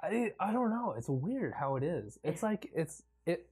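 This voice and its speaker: A man with a dark, mellow voice and a slightly husky edge talks movies in a loose, excited way. He swears freely, laughs a lot and acts out favorite lines. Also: a little high, measured pace. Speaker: podcast co-host. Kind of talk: casual movie review chat.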